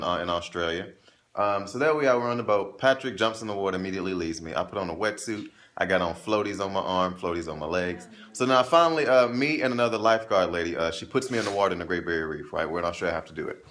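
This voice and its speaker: Fast-talking animated male storyteller. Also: sits low. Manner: animated, acts out quotes in a raised voice. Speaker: travel vlog co-host. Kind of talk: casual storytelling.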